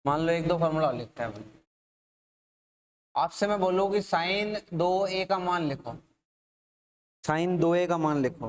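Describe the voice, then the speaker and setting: A man's voice: sits high, a little hiss or hum. A male maths teacher with a Rajasthani Hindi accent gives a classroom lecture, asking the class questions and then answering them himself.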